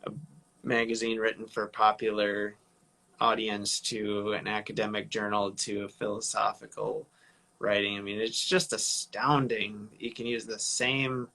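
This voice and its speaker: A man's voice: on the low side, flat delivery, unhurried, pushed and bright, poor audio. A man co-hosting a casual live show, thinking aloud in a reflective way. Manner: reflective, musing. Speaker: podcast co-host. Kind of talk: casual live-stream chat.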